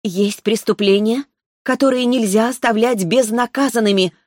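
A woman's voice: fairly high pitch, a little mellow, dry recording, clean studio sound, voice pushed up, natural voice. A woman voicing a sweet-voiced merciless spirit girl. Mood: cold, judging. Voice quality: sweet young voice. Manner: slow, clipped pronouncements. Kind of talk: audiobook character voice.

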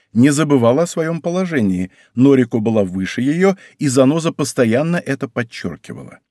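A man reads a first-person story aloud as an audiobook, his pitch rising and falling a great deal. His telling is expressive and conversational, close to everyday talk. The recording is dry and close, with no room sound. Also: no room sound. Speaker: audiobook narrator.

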